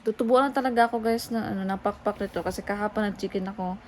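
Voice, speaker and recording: Filipino girl vlogging, chatty, mixes languages, medium pitch, bit of a noisy room. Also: very fast. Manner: chatty, switches between two languages. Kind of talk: casual vlog chat. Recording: clear background noise.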